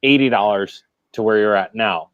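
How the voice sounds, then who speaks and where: A man's voice: fairly low pitch, moderate pace, dull audio, slight background noise. A man hosting a casual chat on a video call, steering the talk with interruptions and frequent laughs. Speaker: host.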